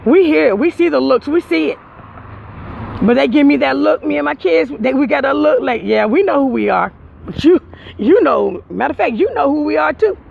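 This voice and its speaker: A man's voice: very high-pitched, lively intonation, a little fast, gravelly, phone-quality sound, slight background noise. A man talking emphatically and repetitively to his viewers outdoors, speaking from the heart. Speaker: vlogger. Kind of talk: casual heartfelt monologue to viewers.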